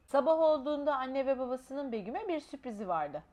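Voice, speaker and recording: A woman's voice: sits high, animated, brisk, darkish tone. A woman expressively reading a children's storybook aloud.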